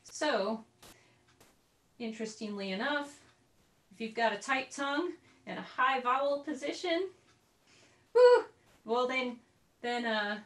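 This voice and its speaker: A woman's voice: fairly high pitch, animated, slow pace, pauses often, fairly bright tone, far from the mic. A woman teaching a group recorder lesson over a video call, explaining in a chatty way with little asides. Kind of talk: online group music lesson. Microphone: computer mic on a video call. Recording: roomy video-call audio from off-mic.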